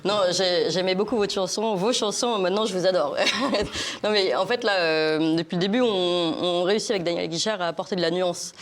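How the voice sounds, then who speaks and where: A woman on a talk show panel, speaking in a measured, hesitant way with many fillers. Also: fairly low pitch.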